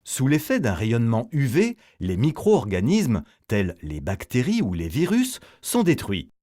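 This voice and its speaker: A man narrates a scripted educational voice-over at a medium pitch and measured pace. He explains each step didactically, his intonation lively and swinging widely up and down.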